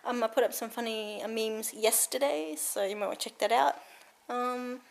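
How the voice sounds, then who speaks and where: A vlogger in her thirties chats to a handheld camera that she carries around a cold room in her home. Her voice is on the high side with vocal fry and a moderate pace. She rambles and giggles, using lots of fillers.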